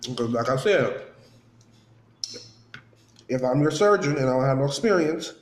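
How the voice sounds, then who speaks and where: A man's voice: mid-range voice, lively intonation, moderate pace, a little hiss or hum. A man telling a casual story to viewers while eating, chewing between phrases and acting out what people said in a conversational way. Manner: conversational, acts out reported dialogue, repeats for emphasis. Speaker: vlogger. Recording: roomy, echoing sound.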